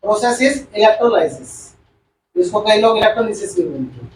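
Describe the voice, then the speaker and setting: High-voiced man teaching chemistry. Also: sing-song, moderate pace, a little hiss or hum. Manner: repeats points and quizzes the class. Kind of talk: classroom lecture. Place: classroom. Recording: echoey room, far from the mic.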